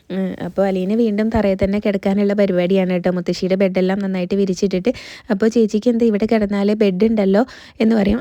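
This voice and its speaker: Malayali woman, casual serial recapper; quick, level delivery, very mellow tone, dry close mic. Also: medium pitch, no room sound. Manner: retells scenes, quoting characters, frequent "ട്ടോ" tags and "ഏഹ്" fillers.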